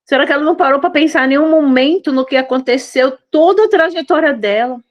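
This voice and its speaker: A woman's voice: sits high, quick pace, highs cut off. A woman in her fifties giving a devotional sermon, tender and intimate, pleading with her listeners. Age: 50s. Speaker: devotional preacher.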